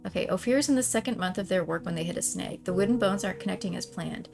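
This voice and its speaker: With a lowish, gravelly voice and a fast delivery, she talks over background music while playing a visual novel. Her stream blends read-aloud narration with informal, chatty asides that often trail off.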